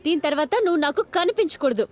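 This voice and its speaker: A young actress playing a proud, irritable medical student who talks in a sharp, dismissive way, mixing in English. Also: female voice, high-pitched, animated, very fast, music in the background. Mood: scornful. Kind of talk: comic film dialogue.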